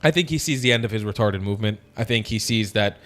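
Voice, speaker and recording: A man's voice: lowish voice, quick pace, fairly bright tone, slight background noise. A man with a slight, wet lisp from wearing braces, talking bluntly and profanely in a casual political discussion.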